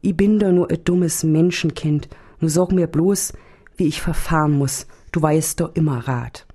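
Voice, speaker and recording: A woman's voice: low-pitched, measured pace, dark tone, husky. Woman voicing fussy old nun-nurse. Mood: tender prayer. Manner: fussy, sighing, praying aloud. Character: kindly pious old nun-nurse, childlike cheer.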